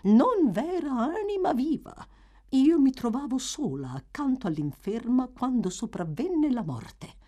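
A woman reading an audiobook voices a shrewd, cold-blooded middle-aged matron who speaks calmly, sharply and without yielding. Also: sits high, a little slow, pitched above the performer's own voice, exaggerated voice. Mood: secretive. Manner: calm, sharp and unyielding.

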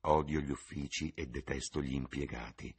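A man voicing a sullen, blunt young sailor brother in an audiobook, husky and subdued. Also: rumbling low, fairly even intonation, moderate pace, pitched below the performer's own voice, exaggerated voice. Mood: brooding.

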